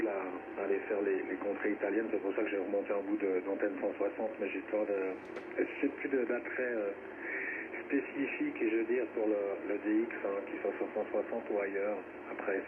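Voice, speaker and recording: Over amateur radio, a man with a fairly low voice makes casual contact chat, speaking haltingly, repeating words and tagging his phrases. The shortwave reception is thin, narrow, and very noisy.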